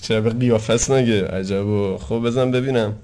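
A man's voice: lowish voice, steady tone, mellow. Teasing young man joking around. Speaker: co-host. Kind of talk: comic casual banter.

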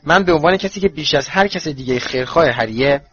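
A man voicing an anxious, fierce middle-aged mother in a storybook reading, pitched high and shrill. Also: expressive, a bit bright, slight background noise. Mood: agitated. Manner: shrill and pleading. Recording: dull lo-fi recording.

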